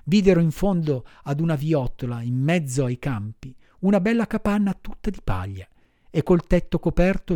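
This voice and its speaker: A man reading a children's classic aloud in an expressive storytelling manner. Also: on the high side, no room sound, studio quality. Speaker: audiobook reader. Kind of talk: storybook narration.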